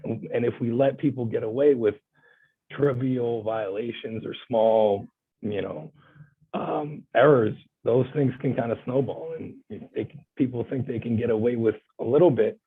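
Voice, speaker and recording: A man's voice: mid-range voice, a little slow, breathy edge. A man from Bulgaria, a guest lawyer, answering interview questions in an earnest, passionate and emphatic way over a video call. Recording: thin phone-like line.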